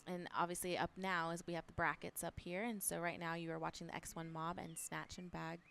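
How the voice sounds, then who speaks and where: A woman's voice: lowish voice, little pitch movement, brisk, vocal fry, fairly bright tone, a little hiss or hum. A woman giving casual color commentary on an esports match, chatty and easygoing. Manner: easygoing, chatty, laughs often, uses fillers. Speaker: esports co-caster.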